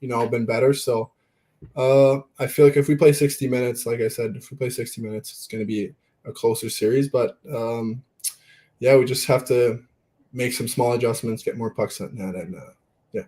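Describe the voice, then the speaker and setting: A young man born in Belgium answering interview questions in a relaxed, plain-spoken way with fillers. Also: medium pitch, moderate pace. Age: young adult. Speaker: junior hockey player guest.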